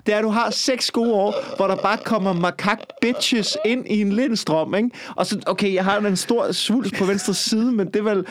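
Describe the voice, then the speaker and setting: A man's voice: high voice, steady tone, few pauses. A man in casual chat, rambling and joking crudely with lots of filler tags.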